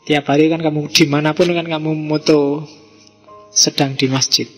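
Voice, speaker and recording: A man with a Javanese accent and a fairly high voice lectures in a relaxed, teasing way, tossing rhetorical questions and slang at his audience. His voice rings through a large hall with a long reverb. Faint music sits underneath. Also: normal speed. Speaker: lecturer on philosophy. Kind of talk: casual lecture to a live audience.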